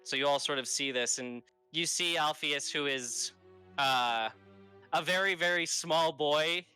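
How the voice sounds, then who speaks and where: A man running a tabletop game in loose, rambling narration full of fillers and the odd curse. His voice is bright and crisp. Faint music plays behind him. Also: a little high, a little slow. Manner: casual, rambling, swears freely. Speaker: game master.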